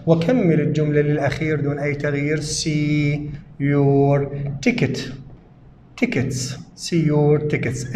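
A man with an Iraqi Arabic accent explaining an English lesson, asking himself questions and then slowly repeating the answers word by word. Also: on the high side, mellow, roomy sound, slight background noise. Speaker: English teacher.

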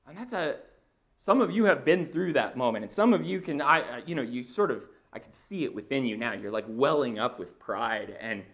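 Animated man preaching a sermon. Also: on the high side. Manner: animated, conversational preaching, walking the stage. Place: church auditorium with a projection screen.

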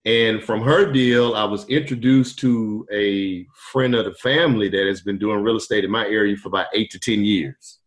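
A middle-aged man, a podcast guest, telling his story in a relaxed, rambling way with many fillers over a video call. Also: lowish voice, moderate pace, few pauses. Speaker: podcast guest, truck driver turned wholesaler. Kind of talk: casual storytelling interview. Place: indoor room, video call. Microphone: webcam on video call.

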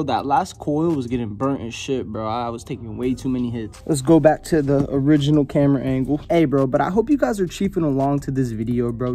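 A young man talks like a stoner, loose and rambling, in a mid-pitched voice. He sounds high as he chats casually into a camera close by in a small, enclosed space. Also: dark tone. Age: young adult. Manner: stoner drawl, hazy and rambling. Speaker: vlogger. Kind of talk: casual slangy chat to camera. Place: small enclosed pillow fort indoors.

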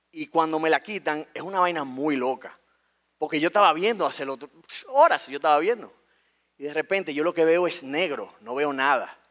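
Dominican guy on stage spinning a story, bright high voice, really lively. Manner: animated, colloquial, acts out scenes. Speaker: speaker. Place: stage in a talk venue.

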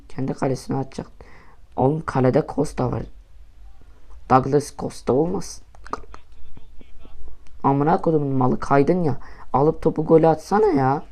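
A young man commentating his own mobile football match, swearing often, shouting at goals and muttering in between. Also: mid-range voice. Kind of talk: casual gaming commentary.

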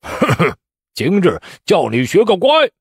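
A man's voice: mid-range voice, huge pitch swings, moderate pace, a little mellow, breathy edge, no echo, studio quality. A man voicing an arrogant, hot-tempered young nobleman who sneers coldly as he bullies others. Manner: haughty, cold sneering.

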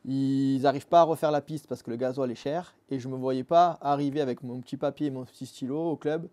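Speaking a little fast with a steady, mellow, medium-pitched voice, a thirtysomething app founder from Marseille, France, answers interview questions. He's casual and earnest, breaking things down step by step with lots of fillers, captured on a lapel mic in a dim motorcycle workshop studio.

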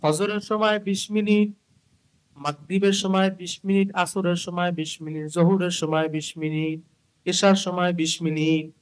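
An Islamic preacher with a high, steady, clear and resonant voice delivers an emotional, chanted sermon to a gathering. His sing-song delivery features drawn-out lines and calls to the crowd, and the recording is rough.

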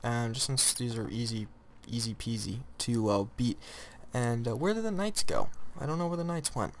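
A teenage boy giving rambling, excitable let's-play commentary, often correcting himself mid-sentence. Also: mid-range voice, moderate pace, slight background noise. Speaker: gamer.

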